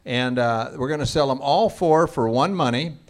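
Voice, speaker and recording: A man emcees a live auction, calling names across the room and joking with the crowd. His voice sits at an ordinary middle pitch and carries loudly over the audience. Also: moderate pace. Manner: jokey, booming crowd address. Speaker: auction host.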